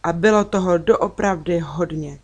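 Woman reading a children's story. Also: on the low side. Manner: gentle storytelling, lifting her voice for children's lines. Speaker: audiobook reader.

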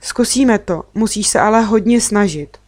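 A woman reading a storybook and voicing a calm, kind young girl who answers gently and without hurry. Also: medium pitch, dry recording, studio quality, close to an everyday voice. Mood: gentle.

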